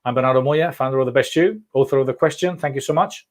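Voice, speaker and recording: A man's voice: medium pitch, fast. A man hosting an online event, effusively thanking guests and calling them darling. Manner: warm, effusive thanks, calls people darling. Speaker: host. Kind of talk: online panel chat.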